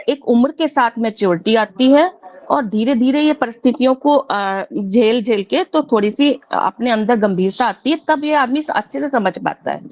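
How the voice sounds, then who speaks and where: A woman workshop participant sharing a measured, reflective view in a group discussion. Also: fairly high pitch, darkish tone, dull audio. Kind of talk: thoughtful contribution to a group discussion.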